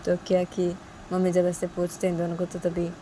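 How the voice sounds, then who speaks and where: A woman's voice: fairly low pitch, completely flat delivery, fairly quick, dark tone, slight background noise. A woman telling a romance story in a casual, repetitive way full of fillers. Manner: repetitive, filler-heavy narration. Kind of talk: casual spoken story narration.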